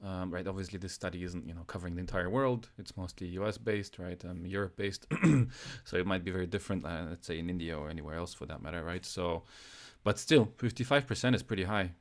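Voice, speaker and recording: A man's voice: deep voice, fast. A man hosting a casual podcast about industry news, who keeps tagging his points with "right?". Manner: tags many phrases with a questioning "right?". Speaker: podcast host.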